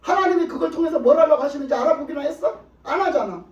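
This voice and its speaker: A male pastor with a very high voice preaches emphatically. He hammers his points home with repeated rhetorical questions. He is heard from a distance in an echoey church sanctuary, through a dull, muffled recording. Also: fast. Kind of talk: sermon.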